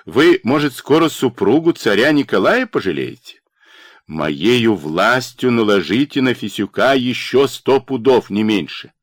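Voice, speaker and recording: A male reader voicing an arrogant party official in a harsh, curt and mocking manner, with lively pitch in a dry studio recording. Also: a little slow, no room sound. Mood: domineering. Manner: curt, domineering and sarcastic.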